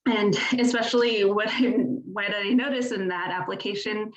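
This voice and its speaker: A woman speaks as a graduate student on a panel, chatty and casual, with frequent filler words. Her voice sits at a middle pitch. The audio is a little dull and lo-fi. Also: moderate pace.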